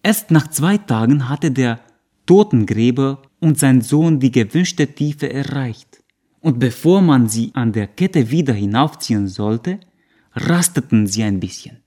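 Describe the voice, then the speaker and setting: Male storyteller, mid-pitched, slow measured folk-tale reading. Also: mellow. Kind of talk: scripted folk-tale narration.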